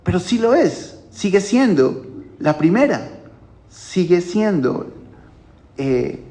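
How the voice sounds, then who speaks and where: Man pastor at a home church, talks slow and patient, higher voice, keeps asking the group if they follow. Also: very animated, warm tone. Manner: slow, explains step by step, often asks the listeners "¿cierto?". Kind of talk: home church Bible teaching.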